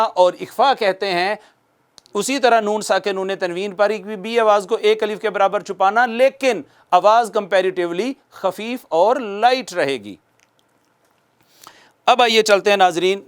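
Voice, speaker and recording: A man whose voice sits high, with a clear, resonant tone, leads a recorded class on how to recite the Quran. Asking and then answering his own questions, he repeats essential points and sounds out nasal pronunciations.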